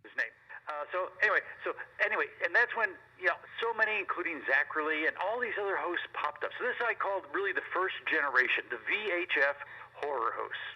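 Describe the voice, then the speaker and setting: A man's voice: a little high, animated, brisk, husky, highs cut off. An older American man speaking as an interview guest, telling history conversationally with frequent asides. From Chicago, United States. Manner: informative, recounting history with asides. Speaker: interview guest, veteran television horror host.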